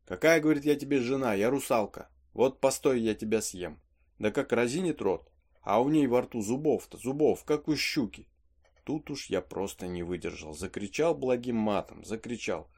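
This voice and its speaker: Here a man reads a play for an audiobook, taking the part of a superstitious peasant servant who rambles through a folksy story with plenty of asides. His mid-range voice is a little mellow, animated, and moderately paced.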